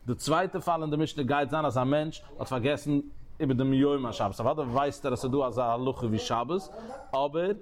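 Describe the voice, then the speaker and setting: A man's voice: medium pitch, fairly quick. A man teaching a Talmud lesson in a sing-song learning cadence, often restarting his phrases. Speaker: Torah teacher.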